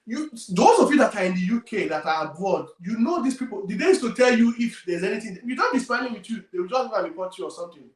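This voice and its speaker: A man with a Nigerian accent giving career advice, emphatic and repeating his key points as his loudness rises and falls. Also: high-pitched, lively intonation, fast, few pauses, roomy sound, far from the mic, poor audio. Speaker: career coach.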